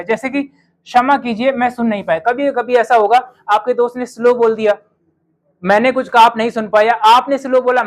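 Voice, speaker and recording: A male teacher gives a spoken English lesson to his students. He slows right down to say each sample sentence with care. He keeps quizzing the class with rhetorical questions. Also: very high voice, poor audio. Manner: says English model sentences slowly and clearly, then quizzes students.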